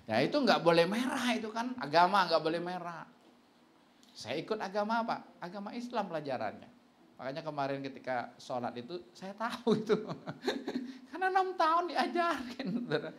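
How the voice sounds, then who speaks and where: A man, a pastor preaching a sermon and telling stories with laughter, lifting his voice high when he quotes people. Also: moderate pace. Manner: animated storytelling, jumps high for quoted voices; laughs between lines.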